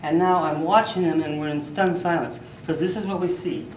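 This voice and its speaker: A man giving a humorous storytelling speech at a contest, animated, with loud bursts for sound effects. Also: on the high side, fairly quick, slight background noise. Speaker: contest speaker. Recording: echoey hall, mic from far off.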